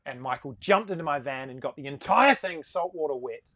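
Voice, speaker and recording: A fairly high-pitched man of about forty who runs a sailing charter appears as a guest on a casual live-stream interview. He is a lively storyteller who talks in quick bursts.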